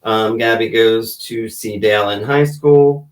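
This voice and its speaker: A man's voice: on the low side, unhurried. A man co-hosting a podcast in laid-back casual chat, recapping TV plots. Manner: laid-back, short agreeing replies, laughs often. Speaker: podcast co-host. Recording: distant from the mic.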